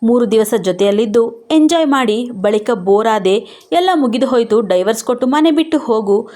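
A proud young wife in a storybook reading, hurt yet defiant, snapping back with bitter, sharp words, voiced by the woman narrator. Her voice sits fairly high. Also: lively intonation, moderate pace, natural voice. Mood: scornful.

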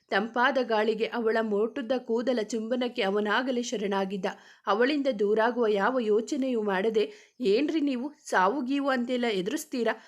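A woman storyteller reads a romance story aloud. Her narration is expressive and descriptive. Her voice sits fairly high.

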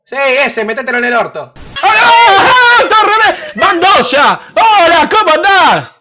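A host with an Argentine accent, brashly teasing and shouting insults at strangers in a crude comedic video chat. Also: high voice, sing-song, normal speed. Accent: Argentine Spanish. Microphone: computer webcam mic. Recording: dull lo-fi webcam audio with faint hiss.

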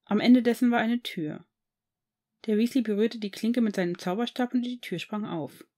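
A woman reading a fan-fiction story aloud as an audiobook. Her narration is calm and even, with a plain, steady delivery. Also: on the high side, normal speed.

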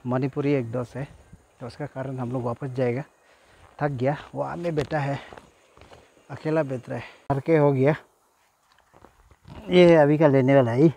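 Standing by a rainy jungle river, a male vlogger narrates to camera in a mellow, medium-pitched voice with fairly even intonation. He talks a little slowly with long pauses, repeating himself and frequently exclaiming.

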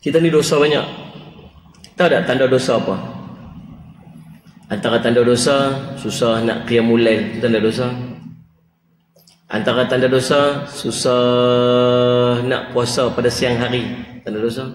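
A man giving a mosque lecture, moving between calm teaching and playful mimicry. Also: mid-range voice, measured pace, pauses often. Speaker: religious teacher. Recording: echoey hall with faint ambient noise.

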